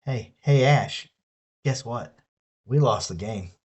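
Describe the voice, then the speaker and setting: A man's voice: mid-range voice, takes it slowly, darkish tone, husky. A man with a Southern US accent chatting casually and swearing freely while he builds an electronics kit on a live stream.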